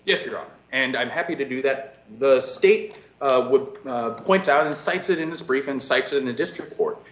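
A man's voice: mid-range voice, moderate pace. A man arguing as an attorney, explaining his points emphatically in formal oral argument. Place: echoey room on a virtual hearing. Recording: echoey, dull video-call audio.

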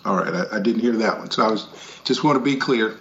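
Casting: male presiding judge, low creaky voice, hesitant measured delivery, dull call audio. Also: a bit bright. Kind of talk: formal, unscripted courtroom remarks. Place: virtual court hearing.

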